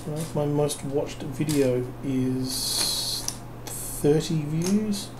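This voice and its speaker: In a noisy clip recorded at home at night, a worn-out vlogger assembles a kit and rambles with dry self-mockery, letting his thoughts trail off into filler words. His voice is on the high side and extremely slow, and he can't get to sleep.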